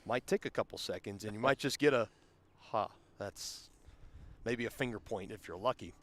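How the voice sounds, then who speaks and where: A man doing play-by-play commentary for a high school baseball game, conversational and explaining rules at length. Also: fast talker. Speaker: play-by-play announcer. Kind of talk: sports commentary.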